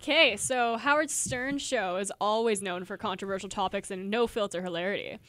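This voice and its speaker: A woman's voice: mid-range voice, a bit bright, no echo. A young woman co-hosting a college radio show, reading celebrity gossip and riffing on it with a giggle. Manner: giggly, reads gossip items then riffs. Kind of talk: casual entertainment news chat. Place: radio studio.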